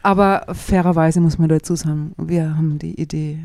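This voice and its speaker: A woman co-hosting a podcast, telling stories casually and hesitantly, with pauses. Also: low-pitched, fairly even intonation, mellow, no room sound, clean studio sound. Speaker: podcast co-host. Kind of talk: casual chat and storytelling.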